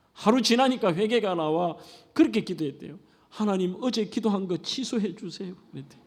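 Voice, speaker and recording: High, lively-voiced man preaching a sermon. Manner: earnest, asks the congregation rhetorical questions. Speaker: pastor. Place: church sanctuary. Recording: long church-hall reverb.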